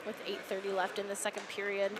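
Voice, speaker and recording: A woman announcer giving rapid, excitable hockey play-by-play as the action moves. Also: medium pitch. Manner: excitable, voice jumps on shots and goals. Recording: live arena noise behind. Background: hockey arena ambience.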